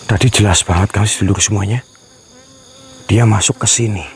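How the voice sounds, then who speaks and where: Guy hushed night vlog outdoors, slow low voice, crickets faint behind. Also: fairly even intonation, gravelly, a little hiss or hum. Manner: slow, often drops to a whisper, repeats phrases. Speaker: ghost-hunting vlogger.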